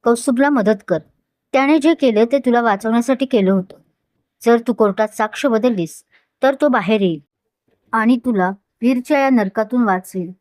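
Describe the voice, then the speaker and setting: A woman's voice: a little high, normal speed, darkish tone, dry recording, studio quality, close to an everyday voice. A woman voicing a scheming, manipulative young woman who talks in a persuasive, insinuating way.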